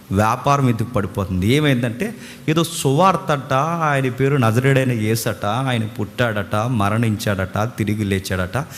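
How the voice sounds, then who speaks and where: A man's voice: mid-range voice, big-room sound. A man preaching a sermon as a pastor, firing off rhetorical questions, acting out quoted voices and mixing English words into his speech.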